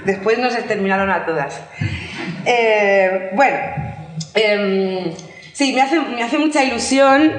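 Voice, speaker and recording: A woman from Murcia giving a talk at a conference, speaking with many restarts and fillers. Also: mid-range voice. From Murcia, Spain. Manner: hesitant restarts, filler-heavy, engaged. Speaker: invited speaker. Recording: echoey hall.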